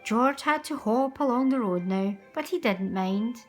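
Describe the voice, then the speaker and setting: A woman reading a children's picture book aloud in an expressive, sing-song manner. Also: on the high side, a little slow, faint music behind. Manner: animated, sing-song delivery.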